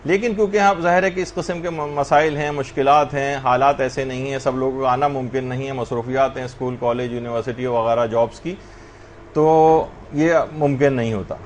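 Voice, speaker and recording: A man's voice: medium pitch, fairly even intonation, slight background noise. A man teaching a religious class, lecturing earnestly and addressing his students directly.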